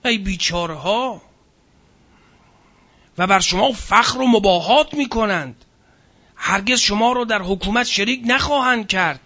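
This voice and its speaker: A man delivers a religious history lecture, reading passages aloud from a book and then adding casual spoken asides. His high voice sounds pushed and bright, he takes long pauses, and the sound is lo-fi.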